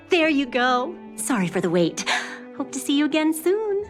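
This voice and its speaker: A woman's voice: sits high, exaggerated voice. An actress playing a cheerful, polite young woman working as a florist, over game music. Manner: bright and polite shopkeeper tone. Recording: game score underneath.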